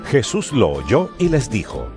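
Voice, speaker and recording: A man narrating a Bible reading in an expressive storytelling manner. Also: mid-range voice, measured pace. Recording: music bed behind voice. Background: guitar music.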